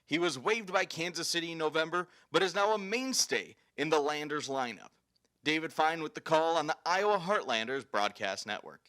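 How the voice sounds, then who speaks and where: Male sports host, scripted highlight recaps, slightly high pitch, bright forceful delivery. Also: animated, moderate pace.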